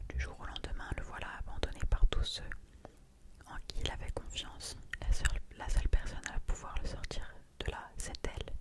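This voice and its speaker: Young adult in a hushed library whisper. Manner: reads blurbs aloud with informal asides. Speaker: ASMR book haul creator. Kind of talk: whispered ASMR reading and casual chat about books. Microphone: streaming microphone close by.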